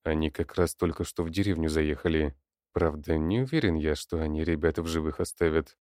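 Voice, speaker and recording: A man voicing a gruff older villager in an audiobook, matter-of-fact. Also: very deep voice, fairly quick, a little mellow, no echo, studio quality.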